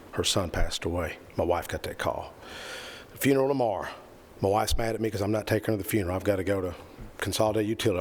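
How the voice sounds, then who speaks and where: A middle-aged man giving an earnest, rambling speech at a committee meeting, repeating phrases for emphasis. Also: on the low side. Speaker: committee member. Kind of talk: impassioned speech at a public meeting. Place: county committee meeting room.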